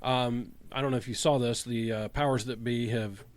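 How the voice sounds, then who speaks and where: A man's voice: mid-range voice, steady tone, moderate pace, no room sound. A man co-hosting casual radio banter with a dry, teasing manner. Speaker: radio co-host.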